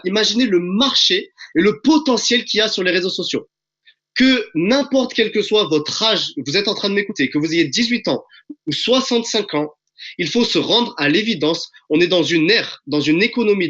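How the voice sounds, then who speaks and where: Energetic male webinar presenter, high bright voice, pushy sales pitch, dull lo-fi call audio. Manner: enthusiastic and pushy, addresses audience as friends. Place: at home. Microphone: video call.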